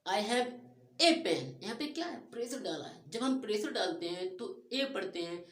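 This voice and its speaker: A woman with a Hindi accent teaching a grammar lesson, drawing out her English example sentences slowly. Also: mid-range voice, lively intonation, reverberant.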